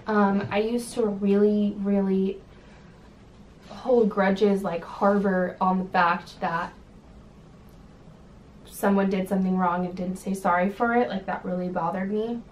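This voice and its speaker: A woman's voice: medium pitch, fairly even intonation, measured pace, pauses often, recorded from a distance. A young woman from California chatting casually on her channel, sassy and full of ums. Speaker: vlogger. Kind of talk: casual chat. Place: home room. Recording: echoey room with faint background hiss.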